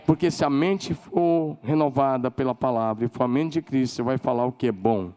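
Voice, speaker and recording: A man with a Brazilian Portuguese accent preaching a sermon as pastor, emphatic, leading call-and-response and climbing to shouted declarations. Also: medium pitch, brisk, smooth. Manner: leads the congregation in call-and-response.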